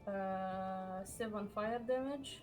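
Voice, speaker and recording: A woman's voice: mid-range voice, slow pace, a little mellow, faint music behind. A woman playing a tabletop game over voice chat, hesitant and full of "uh"s as she rolls dice. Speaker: player.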